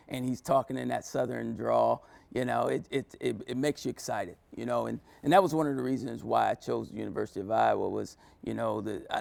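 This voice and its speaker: A man's voice with a heavy gravelly fry, recorded dry and close. He talks earnestly as an interview guest, reflecting and filling pauses with "you know.". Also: fairly low pitch, a little mellow, no room sound. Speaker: former player, interview guest. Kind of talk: sit-down interview.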